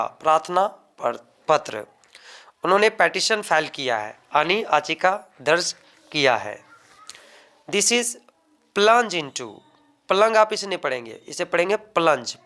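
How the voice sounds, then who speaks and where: Slow, bright-voiced teacher. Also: male voice, fairly high pitch. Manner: slow, drawn-out word drills with Hindi explanations. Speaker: English teacher. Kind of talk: vocabulary lesson.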